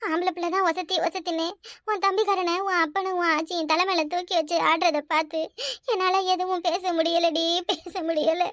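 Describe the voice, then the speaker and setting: A woman's voice: level tone, a bit bright, no room sound, studio quality. A woman voicing a harsh, worn-out village mother in a cartoon, with a Kanyakumari Tamil accent and a scolding, threatening way of talking. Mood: lamenting. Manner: shrill scolding, threatening, rapid-fire. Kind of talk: cartoon voice acting.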